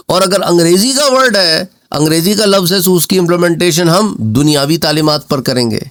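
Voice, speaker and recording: Guy lecturing on religion, bit high voice, explains slow with examples. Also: dry recording, studio quality. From Pakistan. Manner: explains patiently with examples, drawn-out recitation. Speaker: Islamic scholar and teacher.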